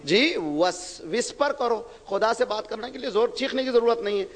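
A man preaching an impassioned sermon, firing rhetorical questions at the audience and swelling to shouts. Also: very high voice, lively intonation. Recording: long reverb of a large hall.

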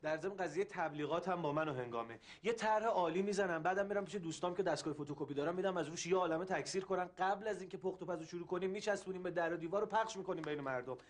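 Guy acting eager young planner, high voice. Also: few pauses, natural voice. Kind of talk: TV drama acting.

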